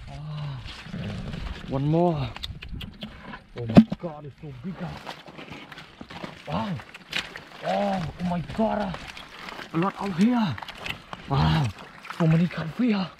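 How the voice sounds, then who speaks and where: Man exclaiming slowly in an outdoor marsh. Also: fairly high pitch, vocal fry, heavy background noise. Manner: repeated drawn-out exclamations of amazement. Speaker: video creator catching fish. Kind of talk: exclaiming while catching fish. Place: muddy lotus marsh outdoors.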